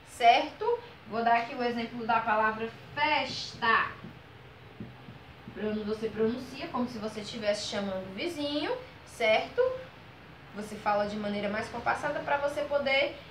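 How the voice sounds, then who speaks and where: A woman teaches a grammar lesson, her voice bright and a little high. She draws out each example word slowly and keeps checking in with her students. The recording sounds echoey, with faint room noise behind her. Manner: patient, drawn-out model words, frequent "ok?" and "certo?" checks.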